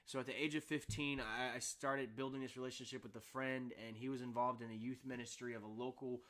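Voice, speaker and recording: A man's voice: medium pitch, fairly even intonation, a bit bright. Earnest man telling his faith story. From Houston area, United States. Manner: earnest, halting, many fillers and restarts. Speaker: vlogger. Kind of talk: personal faith testimony vlog.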